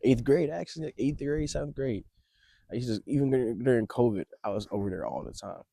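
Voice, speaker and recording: A young adult male vlogger talks fast in a mid-range, dark voice with vocal fry, and there's no echo. He rambles casually to camera with advice, hesitant and reflective, his voice shaky from shivering on a cold, windy, snowy beach.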